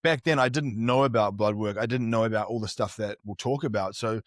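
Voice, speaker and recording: A performance strategist guesting on a candid podcast interview, this middle-aged man with a New Zealand accent tells his life story earnestly and thoughtfully. His lowish voice moves briskly, with clean studio sound and no echo.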